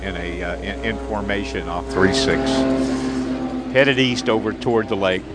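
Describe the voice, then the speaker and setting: A man's voice: lowish voice, steady tone, moderate pace, loud music behind the voice. A man co-hosting a podcast outdoors at an airfield, talking knowledgeably about aircraft with dry asides. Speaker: podcast co-host. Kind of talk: casual outdoor podcast chat.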